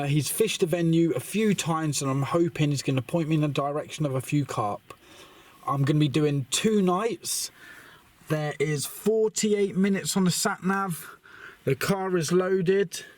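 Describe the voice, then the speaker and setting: A chatty, excitable man, narrating his own fishing vlog and laughing easily. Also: fairly high pitch, no room sound. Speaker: fishing vlogger.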